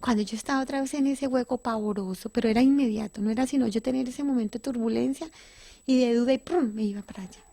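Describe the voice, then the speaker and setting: A woman's voice: fairly high pitch, fast, vocal fry, warm tone. Earnest middle-aged woman giving testimony. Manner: emotional, restarts and self-corrections. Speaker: interview guest giving testimony.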